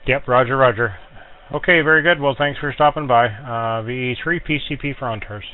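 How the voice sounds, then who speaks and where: A man's voice: mid-range voice, brisk. Man on a noisy radio net. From Canada. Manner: relaxed, plain-spoken radio procedure. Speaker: net control operator. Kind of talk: ham radio net check-ins. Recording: tinny radio audio with noise.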